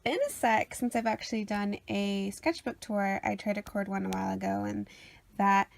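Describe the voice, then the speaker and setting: A woman with a gravelly, mid-range voice speaks at a moderate pace in a steady tone. She's an artist showing off her sketchbook, sniffly after a cold, and rambles casually with plenty of ums and uhs.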